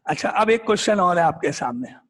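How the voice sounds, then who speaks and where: A man's voice: sits high, animated, a little fast, fairly bright tone, big-room sound. A man teaching math to a live class, firing questions back at the students and repeating key points.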